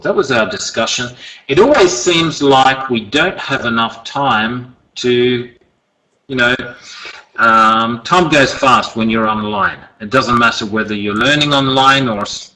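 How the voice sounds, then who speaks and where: Bright-voiced man teaching online. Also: medium pitch, poor audio. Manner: relaxed, encouraging, checks in with "okay?". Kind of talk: online lesson, recapping and giving homework. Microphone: video call.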